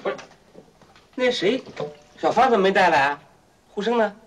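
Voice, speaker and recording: A bumbling, hesitant husband. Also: male voice, sits high, animated, normal speed, a little hiss or hum. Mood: hesitant asking. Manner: rambling, hesitant, full of fillers. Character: good-natured middle-aged husband, bumbling and hesitant. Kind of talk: 1990s TV drama acting.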